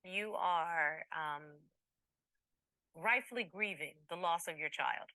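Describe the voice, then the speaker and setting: A woman's voice: lowish voice, slow, bright, forceful tone, dry recording. A woman presiding as a TV court judge, questioning and admonishing in an authoritative, direct way with some playful teasing.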